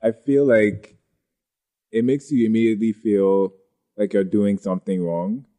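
Podcast guest: man, low warm voice, thoughtful and searching for words. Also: steady tone, unhurried. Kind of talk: casual discussion.

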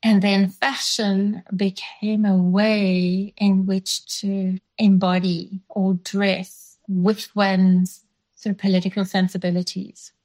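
This guest, a Dutch-raised South African woman in her fifties, reflects on her past during an interview, taking her time. Her mid-range, slightly mellow voice has a flat delivery, and she frequently hedges, uses fillers and starts over.

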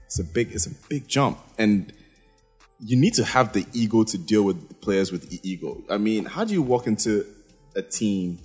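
A fairly low, husky-voiced man in a casual football debate, pressing his point with rhetorical questions and acted-out quotes. Faint music runs underneath. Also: expressive, moderate pace, a little mellow. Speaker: podcast co-host.

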